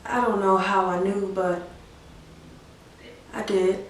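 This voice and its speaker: A woman's voice: mid-range voice, steady tone, slight background noise, natural voice. A woman playing a grieving widow, echoing far off. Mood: hushed, numb. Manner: halting, hushed retelling that breaks into anguished cries. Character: grieving young mother, newly widowed soldier's wife. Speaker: actor performing a dramatic monologue. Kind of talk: stage monologue. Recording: very echoey room, far from the mic.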